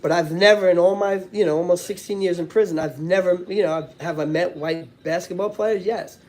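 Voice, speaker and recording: A man's voice: sits high, steady tone, brisk, a little mellow. A man hosting a casual live stream, rambling in street slang with constant filler phrases and swearing. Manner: rambling street talk with frequent "you know what I'm saying" and swearing. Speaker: live-stream host, former prisoner. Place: indoors at home.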